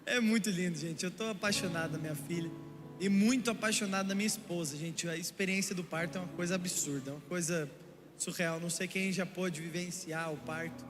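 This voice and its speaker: Young Brazilian pastor preaching, high voice. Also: male voice, fairly quick. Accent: Brazilian Portuguese. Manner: lively storytelling, speaks to congregation. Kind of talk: sermon. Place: church hall. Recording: echoey church hall with music.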